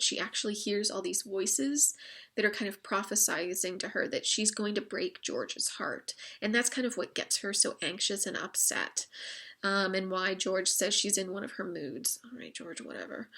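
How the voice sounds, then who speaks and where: Slightly hoarse woman giving a chatty book talk. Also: medium pitch, a bit bright. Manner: chatty, frequent fillers, wry asides. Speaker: book discussion leader. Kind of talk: informal literature lecture.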